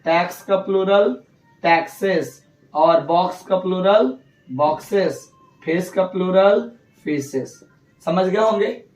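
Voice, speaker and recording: Slow, high-voiced male teacher, roomy sound. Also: darkish tone, distant mic. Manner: repeats rules, asks and answers own questions. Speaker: English grammar teacher. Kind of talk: classroom lesson.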